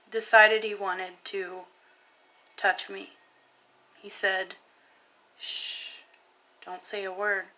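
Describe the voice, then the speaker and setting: Young woman, bright and clear tone, hesitant spoken-word poem reading. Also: mid-range voice, low-quality recording. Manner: soft, halting and hesitant. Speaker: vlogger.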